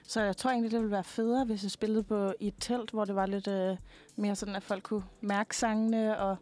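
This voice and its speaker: A young woman in her twenties, a guest singer, chatting casually in an interview, relaxed and hesitant with many fillers. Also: mid-range voice.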